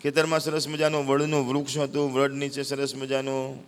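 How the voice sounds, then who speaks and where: Gujarati male preacher, gravelly voice, dramatic story sermon in a big echoing hall. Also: mid-range voice, completely flat delivery, normal speed. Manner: acts out characters' cries and pleas with rising intensity. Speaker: spiritual storyteller. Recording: long hall reverb with faint sitar music.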